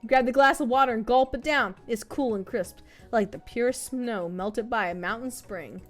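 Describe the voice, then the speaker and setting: A woman's voice: a little high, normal speed, soft background music. A woman streamer reading a dating game aloud, playful and joking as she goes.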